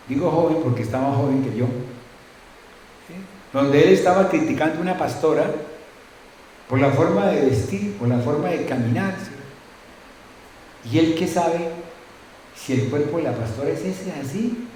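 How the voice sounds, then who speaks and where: A man's voice: fairly high pitch, dark tone, a little hiss or hum. A middle-aged male pastor preaching a sermon conversationally, with frequent tag questions and acted-out anecdotes. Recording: very echoey church room.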